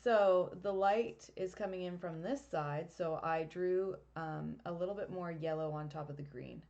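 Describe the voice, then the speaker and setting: A woman with a fairly low voice talks through a live drawing lesson, explaining each step as she works. She is chatty and laughs at her own slips. She is picked up by a webcam mic. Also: normal speed, creaky, darkish tone, dull audio. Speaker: art teacher.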